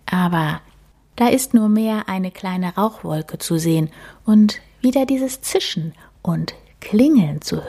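A woman reading a children's storybook aloud in a gentle, expressive, half-whispered way. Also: mid-range voice, creaky, husky.

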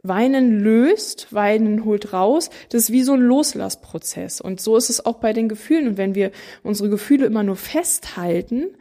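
A mother of three in her thirties talking straight to viewers, animated and emphatic, acting out what others say. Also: mid-range voice, normal speed, hardly any pauses. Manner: animated, emphatic, acts out quotes. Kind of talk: casual talking to camera.

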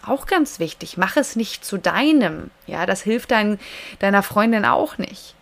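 A woman's voice: medium pitch, lively intonation, a little slow, gravelly. A woman coach talking directly to her listener in a solo advice podcast, emphatic and frequently checking in with tag questions.

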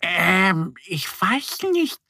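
A man voicing a curious little female duckling in a children's audio story, in a very high, squeaky voice with bright exclamations. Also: sing-song, extremely slow, vocal fry, no room sound, clean studio sound, full character voice. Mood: doubtful.

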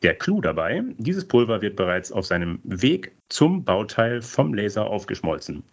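A man hosting a podcast with a fairly low voice that rises and falls a lot. He reads a scripted introduction in an animated way, slips in puns, and moves briskly on to his questions. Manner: animated, playful wordplay. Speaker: podcast host.

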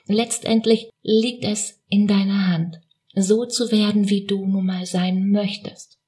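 A woman with a mellow, relaxed voice gives a self-help talk at an unhurried pace. Her pitch sits in a middle range for a woman. She addresses the listener directly and informally, encouraging gently and posing reflective questions. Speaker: self-help coach and host.

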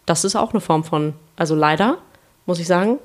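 A woman from Kiel talks with her co-host in relaxed, thoughtful conversation. Her voice sits a little low, and she muses aloud with a light touch of humor. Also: fairly quick. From Kiel, Germany. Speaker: podcast co-host. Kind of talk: casual chat.

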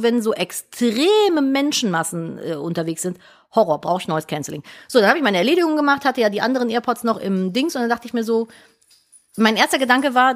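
A woman telling a story in casual chat and acting out both sides of the quoted dialogue. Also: on the high side.

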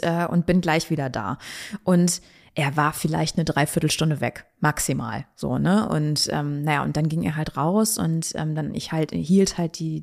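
A woman in her thirties, a podcast guest, telling a personal story in a halting, reflective way, often restarting her sentences. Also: lowish voice, creaky, a little mellow. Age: 30s.

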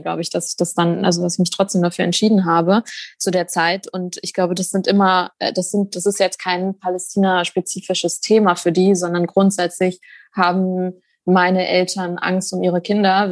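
A woman from Germany speaks as an interview guest, her voice low for a woman and held quite level. She is thoughtful and searches for her words as she goes. The recording is dry and close. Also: no room sound. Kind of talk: casual conversational interview.

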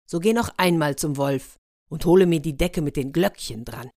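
A woman's voice: deep voice, moderate pace, a little mellow, dry recording, studio quality. A woman doing a stern, threatening king. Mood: commanding.

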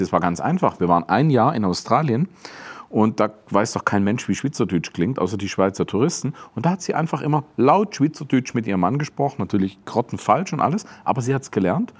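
A man's voice: medium pitch, husky. A German comedian with a German accent, chatting casually and acting out quotes in his anecdotes. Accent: German Standard German. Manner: animated storyteller acting out quotes.

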